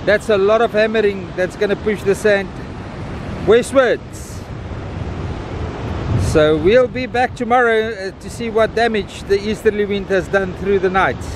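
A man's voice: high voice, measured pace. A South African man narrating a casual vlog outdoors, speaking informally to viewers and repeating phrases for emphasis, with wind noise on the recording. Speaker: vlogger filming a morning beach walk. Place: outdoors on a windy beach. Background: wind and outdoor ambience.

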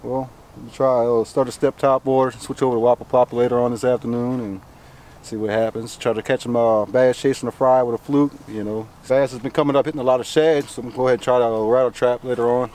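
A man's voice: mid-range voice, steady tone, fast talker, a little mellow, a little hiss or hum, low-quality recording. A middle-aged man, a fishing guide, explaining lure tricks in an easygoing, folksy way while fishing on a bayou bank. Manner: easygoing, folksy, explains step by step, calls people cuz and brother. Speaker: fishing guide and guest angler. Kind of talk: casual how-to talk while fishing. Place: outdoors on a wooded bayou bank. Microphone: camera mic from a few feet away.

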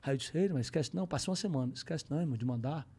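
A young man with a Ceará accent, a comedian telling an anecdote on a podcast in casual, animated style, acting out the voices of others. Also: a little high, racing, slightly rough. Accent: Northeastern Brazilian, Ceará. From Ceará, Brazil. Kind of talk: casual storytelling. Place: podcast studio.

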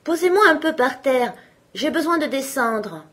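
A woman's voice: high-pitched, lively intonation, a little slow, a bit bright, voice pushed up. A woman voicing a tiny clever boy who is cheerful and bold, calling out eagerly in a storybook. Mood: cheeky.

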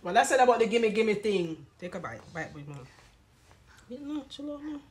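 A woman chatting casually to camera at home, eating and gently scolding her toddler between bites. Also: fairly high pitch, very animated, normal speed. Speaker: vlogger and mother.

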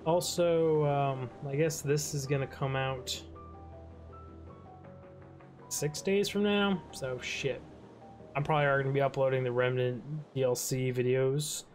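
A relaxed young man talks in a rambling, offhand way, filling time while the credits of a game roll. His pitch sits in an ordinary middle range, and faint music plays under his voice. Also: unhurried, long pauses. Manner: laid-back, rambling, yawning, trails off. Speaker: gaming channel host. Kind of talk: rambling let's-play commentary over credits.

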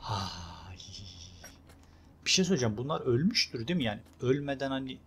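Young male let's-play host, mid-range voice, casual and excitable, faint background noise. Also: mid-range voice, fairly quick. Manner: chatty, excitable, talks to viewers and the game character. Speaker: gameplay video host.

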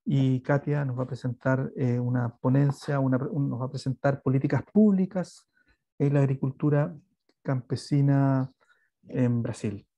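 Halting man moderating, mellow dry voice. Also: mid-range voice, steady tone, dry recording, muffled recording. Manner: halting, stumbling over read text. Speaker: seminar moderator. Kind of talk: reading out a speaker introduction. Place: small indoor room at home. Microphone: earbuds on a video call.

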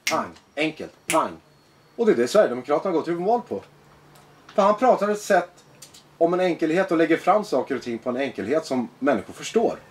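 Blunt, animated man, slightly higher pitch. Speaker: guest, former extremist. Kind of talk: personal interview conversation.

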